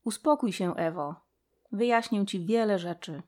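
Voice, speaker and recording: Woman voicing a soft, patient mouse god. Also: lowish voice, a little slow. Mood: gentle. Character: wise, gentle female mouse god, patient.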